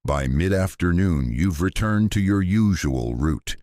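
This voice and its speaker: A man narrating a bedtime sleep story in a soft-spoken, unhurried, gently wry scripted way. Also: deep voice, animated, dry recording, studio quality.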